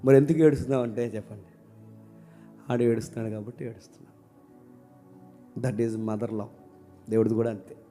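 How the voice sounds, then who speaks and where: A male pastor preaching a sermon who swings between loud outbursts and hushed asides and keeps asking the congregation questions. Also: mid-range voice, fairly even intonation, fairly quick, long pauses, soft background music. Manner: asks the congregation questions and calls for replies.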